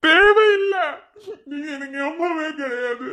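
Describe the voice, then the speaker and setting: A man voicing an angry, weeping young adopted son in a cartoon, with a Madurai Tamil accent, sobbing and shouting bitterly. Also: very high voice, unhurried, heavily acted. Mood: angry crying. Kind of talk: cartoon voice acting.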